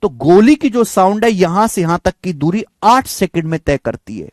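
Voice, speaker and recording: A high-voiced man teaches a maths word problem at normal speed, his pitch swinging widely as he stresses each step. He repeats phrases again and again, imitates gunshot sounds, and calls his students "beta" and "dear friends", recorded close and dry with no echo.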